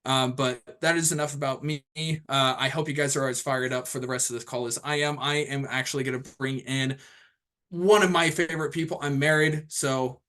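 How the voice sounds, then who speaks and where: A young man in his twenties introducing himself at the start of a group video call. His voice sits at a middling pitch, and his talk is loose and easygoing, full of ums and restarts. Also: steady tone, normal speed, a bit bright. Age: 20s. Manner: rambling, casual, lots of fillers and restarts. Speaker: host of an online training call.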